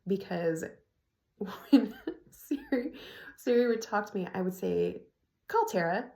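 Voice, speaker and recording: A middle-aged woman vlogger casually tells a personal story to her phone camera, laughing often, in a mid-range, mellow voice with lively intonation and a slow pace. The phone is propped on an ironing board, and the room is echoey.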